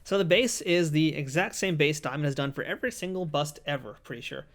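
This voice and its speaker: Seated at a table on an indoor studio set, a man in his thirties co-hosts a collectible review, chatty and jokey as he explains the details in casual review chat. His voice is a little high and fairly bright, and he talks fairly quickly.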